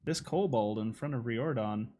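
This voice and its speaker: A man's voice: medium pitch, normal speed, dark tone, slight background noise. A man running a tabletop game on a live stream, describing gory scenes casually and laughing often. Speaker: dungeon master. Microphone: streaming microphone.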